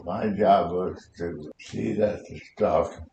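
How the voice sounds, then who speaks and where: An American man in his nineties, a war veteran, telling his memories in a halting, rambling old-timer way during an oral history interview. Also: dull audio. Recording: roomy echo, faint noise and rumble.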